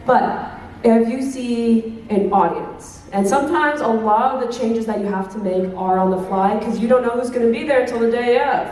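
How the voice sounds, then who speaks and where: A young woman in her twenties with a high voice teases her audience through a convention workshop talk and calls them babes. She stands far from the microphone. The room around her is very echoey. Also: normal speed, darkish tone, slight background noise. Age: 20s. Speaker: cosplay guest and workshop presenter.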